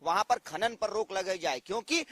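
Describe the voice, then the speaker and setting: Insistent high-voiced man debating. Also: moderate pace, fairly bright tone, no room sound. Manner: insistent, listing demands, repeated "dekhiye". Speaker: debate panelist, opposition side. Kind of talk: TV news debate argument.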